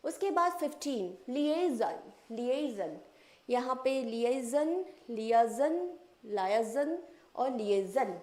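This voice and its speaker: A woman's voice: a little high, animated, slow, echoey room. A woman teacher giving an exam-prep spelling lesson, repeating each word and spelling it out letter by letter.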